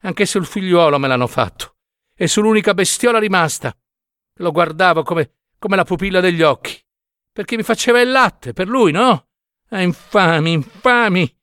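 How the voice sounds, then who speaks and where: A man voicing a desperate peasant mother, pleading and wailing in a shrill voice as he reads a story aloud. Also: big pitch swings, moderate pace, a bit bright, dry recording, clean studio sound. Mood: pleading anguish.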